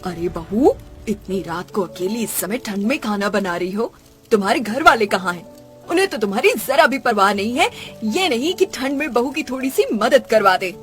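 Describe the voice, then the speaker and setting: A woman voicing a scheming, gossiping aunt in an animated cartoon, speaking in a sly, coaxing tone. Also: fairly high pitch, moderate pace, soft background music, lightly acted.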